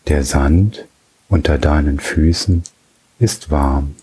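A man guiding a relaxation journey in a soft, soothing way, with long pauses between phrases. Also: very deep voice, husky. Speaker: meditation guide.

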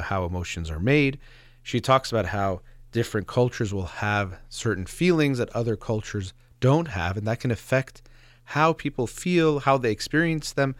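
This reflective solo talk-show monologue comes from a radio host whose voice is fairly low. He explains his thoughts a little haltingly, speaking close to the mic in a dry recording.

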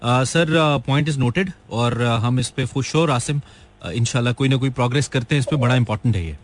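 A man's voice: medium pitch, normal speed, a little hiss or hum. A man from Pakistan with a Pakistani Urdu accent, hosting a call-in radio show in a joking, teasing way and mixing in English phrases. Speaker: radio host.

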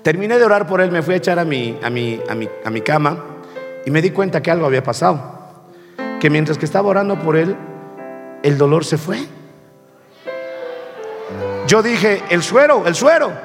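Man, pastor, storytelling sermon, slow and deliberate, high-ish voice, echoing hall. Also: lively intonation. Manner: slow and deliberate, addressing the congregation as brothers. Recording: long hall reverb with faint music.

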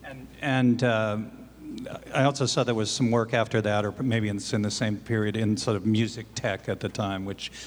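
A man hosting an interview, asking measured, prompting questions. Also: lowish voice, steady tone. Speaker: interviewer, host. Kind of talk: conversational interview.

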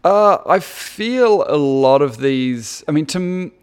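A man with a New Zealand accent, a guest in a casual interview, telling stories about his past in a relaxed, reflective way. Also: on the high side, slow pace, clear, resonant tone. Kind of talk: casual chat.

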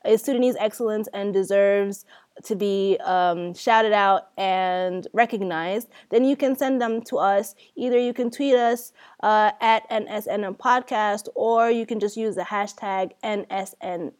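A woman with a mid-pitched voice co-hosts a podcast from beneath a comforter draped over her head like a tent. She chats casually and informally, recorded on a home-made internet call. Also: steady tone, unhurried, darkish tone. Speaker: podcast co-host. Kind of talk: casual chat. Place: under a comforter, indoors.

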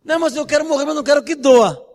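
A man voicing a distraught young man who wails that he wants to die, in a shrill cry. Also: rapid-fire. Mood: wailing. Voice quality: shrill, wailing. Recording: long church-hall reverb.

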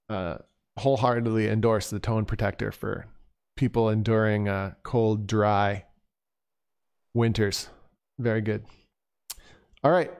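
A man talks through his notes on a piping performance in a loose, conversational way, drifting off on side thoughts. His voice is smooth and clear, at a middling pitch. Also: darkish tone. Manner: conversational and digressive, thinking aloud. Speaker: bagpipe instructor. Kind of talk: casual spoken performance critique.

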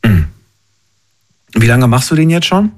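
A man in his thirties hosts a casual call-in show. He talks at an ordinary middle pitch. He asks probing questions and often restarts them with repeated words. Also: sing-song, unhurried, a little mellow. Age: 30s. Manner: probing, repeats himself when asking questions. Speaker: radio call-in host. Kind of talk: casual phone-in chat.

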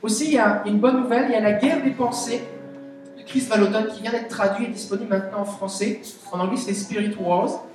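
Québécois woman preacher, chatty and animated, slightly high voice, far off in a booming hall. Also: quick pace. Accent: Québécois French. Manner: chatty, animated, asks the audience questions. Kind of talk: conversational sermon. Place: church meeting hall. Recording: very echoey hall, voice from a distance. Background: soft guitar music.

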